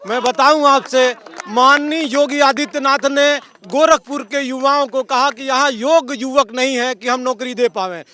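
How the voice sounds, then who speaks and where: Very high smooth man, oratorical. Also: steady tone, normal speed, bright, forceful tone. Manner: oratorical, indignant. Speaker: interviewee reciting verse. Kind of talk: couplet then opinion.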